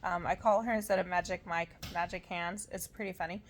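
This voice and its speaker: Tired, lower-pitched woman chatting casually. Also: fairly even intonation, brisk, a little hiss or hum. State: tired, recovering from surgery. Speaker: vlogger sharing surgery recovery. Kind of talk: casual chat.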